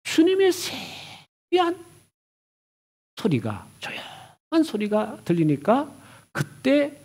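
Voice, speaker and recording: A man, a pastor, preaching a sermon with expressive delivery, voicing God and Elijah in turn and swinging from hushed to loud. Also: medium pitch, slightly rough.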